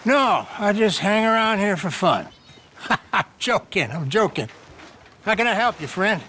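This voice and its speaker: Brief: a slick, chummy frontier salesman with a high voice. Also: big pitch swings, measured pace, pushed and bright, heavily acted. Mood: salesy. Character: slick male house salesman, chummy and smooth-talking. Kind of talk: video game voice acting.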